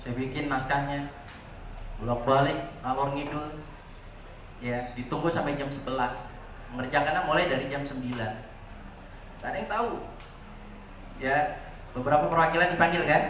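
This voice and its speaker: Echoey teacher speaking to students. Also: male voice, a little high, far from the mic, a little hiss or hum. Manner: lively storytelling, asks students rhetorical questions. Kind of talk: farewell speech to graduating students. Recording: echoey room, voice from afar, audible ambience.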